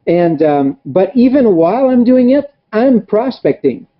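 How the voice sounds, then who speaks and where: An interviewer asking hesitant, halting questions and sharing their own experience. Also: mid-range voice, sing-song, dull audio. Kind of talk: casual interview.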